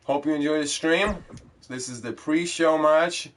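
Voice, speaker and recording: Opening his game stream, a young vlogger with a cold chats loosely and wanders from point to point, filling his speech with fillers. His voice sits fairly high with a fairly bright tone, and he takes his time.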